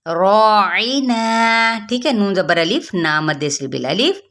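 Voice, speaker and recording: A woman teaching Quran recitation rules, chanting verses slowly and then explaining the pronunciation step by step, asking and answering her own questions. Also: on the low side, big pitch swings, a bit bright. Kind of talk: tajweed lesson with slow chanted recitation.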